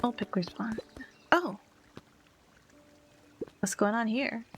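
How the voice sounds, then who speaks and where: Chatty gamer lady, kinda high voice, game music behind. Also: slow pace. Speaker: game streamer. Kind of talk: let's play commentary.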